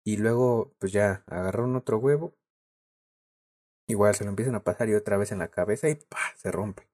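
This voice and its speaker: In a warm, fairly low voice and at a fairly quick pace, a young podcast co-host with a Mexican Spanish accent tells a story. The chat is slangy and casual, and he laughs often.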